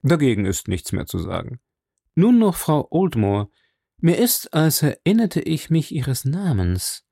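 A calm, shrewd detective reasons aloud, as a man reads the story. His voice is lively in pitch, with a gravelly grain, and sounds dry and close. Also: dry recording, full character voice. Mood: thoughtful. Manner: measured, thoughtful, quietly probing.

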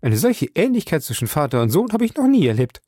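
A man's voice: on the high side, very animated, fast, dark tone, no echo, clean studio sound, pitched above the performer's own voice. A man putting on a gushing chatty old lady. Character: chattering kindly older woman, flustered.

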